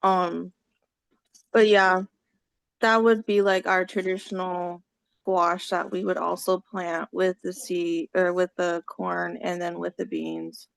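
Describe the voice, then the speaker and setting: A woman's voice: on the low side, little pitch movement, takes it slowly, vocal fry, clean tone, no echo. A woman co-hosting a casual online gathering, rambling and searching for words over a video call. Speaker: gathering co-host.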